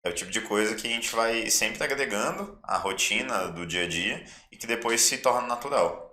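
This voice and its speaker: A man's voice: medium pitch, animated, normal speed, sharp tone, echoey room. A man with a Brazilian Portuguese accent co-hosting a nutrition podcast, summing up each point and moving on to the next topic. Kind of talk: casual podcast discussion.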